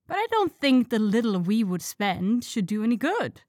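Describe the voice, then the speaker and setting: A woman's voice: a little high, very animated, normal speed, darkish tone, dry recording, clean studio sound. A woman voicing a bookish, tomboyish teenage girl who grumbles and speaks her mind. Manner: grumbling, outspoken.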